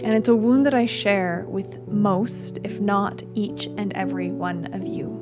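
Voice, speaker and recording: A woman in the host's chair of a spiritual podcast, with a voice of ordinary pitch. She talks in a soft, earnest, unhurried way, and music plays clearly beneath her. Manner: soft, earnest, measured delivery. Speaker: podcast host. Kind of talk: spiritual podcast narration and interview.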